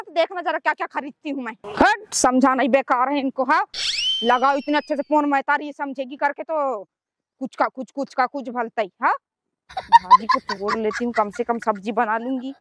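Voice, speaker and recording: A woman's voice: high voice, sing-song, moderate pace, background noise. A woman in a comedy sketch, chatting on the phone and bickering and scolding.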